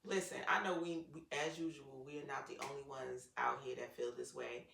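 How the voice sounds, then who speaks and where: Gravelly middle-aged woman telling stories. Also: very deep voice, fairly quick, a little hiss or hum. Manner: animated storyteller, laughs often. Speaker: podcast co-host. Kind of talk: casual chat. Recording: echoey room, mic at a distance.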